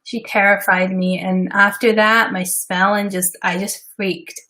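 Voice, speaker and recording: Hosting a live stream of her web design work, a Scottish woman chats and rambles, dropping in frequent fillers and asides. Her medium-pitched voice moves little in pitch and is bright and forceful, a little slow.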